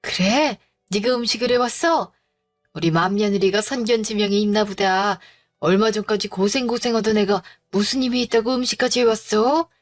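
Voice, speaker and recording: A woman voicing a stern, grumpy older father-in-law who scolds gruffly. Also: mid-range voice, normal speed, faint music behind, lightly acted. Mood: pleased.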